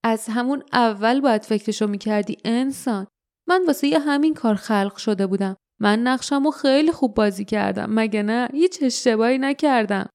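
A treacherous shape-shifter who serves a dark lord, sneering and menacing, voiced by a woman. The tone is a little high but mellow. It is a storybook reading. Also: close to an everyday voice.

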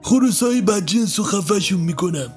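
A man's voice: high-pitched, expressive, darkish tone, faint music behind, pitched above the performer's own voice. A man voicing a possessed old man who talks like a cruel child under hypnosis, with a gleeful, childlike manner. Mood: childish, sinister.

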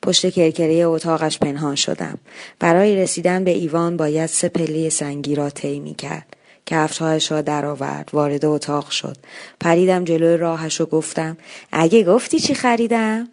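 Low-voiced woman reading a story. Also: little pitch movement, a little mellow. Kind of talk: scripted story narration.

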